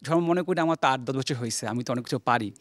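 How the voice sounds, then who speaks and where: A man's voice: mid-range voice, rapid-fire, no echo. A man giving an informal interview answer, mixing in English words. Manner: mixes English words into speech. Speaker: theatre artist being interviewed.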